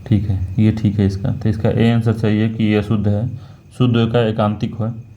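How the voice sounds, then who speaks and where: A man's voice: lowish voice, little pitch movement, mellow. Man going through test questions one by one, keeps repeating and fixing himself, sounds kinda muffled. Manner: slow and repetitive, correcting himself. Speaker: exam prep teacher.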